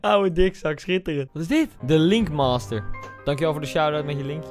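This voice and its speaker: A young man from the Netherlands giving casual, excitable reaction commentary, often bursting into loud laughs. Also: on the high side, fairly quick, over music. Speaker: YouTuber reacting to videos.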